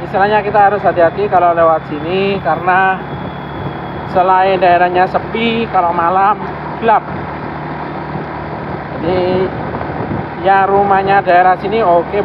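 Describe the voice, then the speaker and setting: Male travel vlogger, high voice muffled through a face mask, halting casual commentary over loud engine and road noise. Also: fairly even intonation. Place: outdoors, riding a vehicle on a village road.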